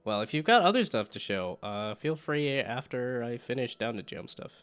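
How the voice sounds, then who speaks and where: A man's voice: medium pitch, big pitch swings, moderate pace, fairly bright tone, smooth, faint music behind. Chatty laughing male game streamer. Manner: chatty, laughs often, reads game text aloud. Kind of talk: casual game stream chat.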